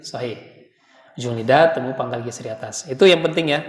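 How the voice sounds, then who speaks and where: A man's voice: medium pitch, a little fast, roomy sound, big-room sound, a crowd in the background. A man teaching Quran pronunciation, patiently demonstrating letter sounds and chanting short words.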